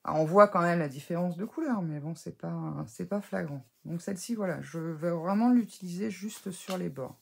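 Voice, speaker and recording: Her lowish, darkish voice carries vocal fry at a moderate pace with few pauses, and there's a little hiss or hum in the recording. This woman is a scrapbooking crafter narrating a casual tutorial as she works. She's hesitant and full of fillers, frequently correcting and teasing herself.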